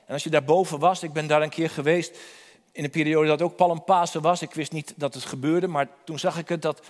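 High-voiced preacher in an echoing hall. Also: male voice, steady tone, fairly quick. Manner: storytelling, urgent invitations, repeats words. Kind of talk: sermon. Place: church hall. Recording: long reverb in a hall.

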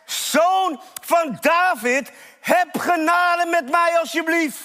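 A man's voice: very high-pitched, lively intonation, moderate pace, a bit bright, voice pushed up. A man preaching in Dutch voices a desperate blind male beggar, crying out with passion and pleading to be heard. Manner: impassioned, crying out. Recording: reverberant hall.

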